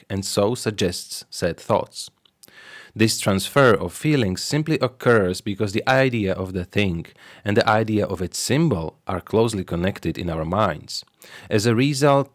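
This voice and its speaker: A sociologist and marketer presents his channel in a scripted English explainer; Slovak is his first language and it shows in his accent. He reads measuredly and carefully in a lowish voice, recorded close and dry without any room sound.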